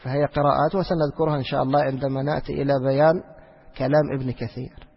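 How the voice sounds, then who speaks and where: A man giving a religious lesson, who asks questions and answers them himself, repeats phrases and slows down to recite verses. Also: mid-range voice, little pitch movement, vocal fry, husky. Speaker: teacher of Quranic exegesis. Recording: lo-fi recording with long hall reverb.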